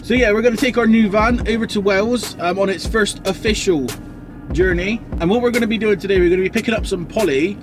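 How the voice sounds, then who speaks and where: High-pitched man, chatting casually. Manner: blokey, informal. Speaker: vlogger and van driver. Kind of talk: casual video diary chat.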